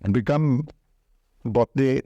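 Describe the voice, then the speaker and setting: An older man speaks with a posh, educated Indian accent in a relaxed, mellow tone. He answers like an interview guest, deliberate and emphatic, often repeating a phrase to drive it home. The sound is very dry, with hardly any room in it. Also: medium pitch, dry recording, muffled recording. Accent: educated upper-class Indian.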